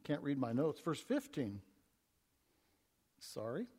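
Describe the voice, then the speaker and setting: A man preaching an expository sermon, reading scripture aloud and swinging between hushed and emphatic delivery, with stumbling restarts. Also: medium pitch, big pitch swings, slow pace. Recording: long reverb of a large hall.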